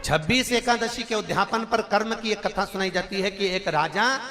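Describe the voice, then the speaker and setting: A male preacher telling a devotional story in an animated, dramatic way, acting out the characters. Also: sits high, normal speed, over music. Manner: animated, dramatic, voices the figures. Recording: echoey hall reverb.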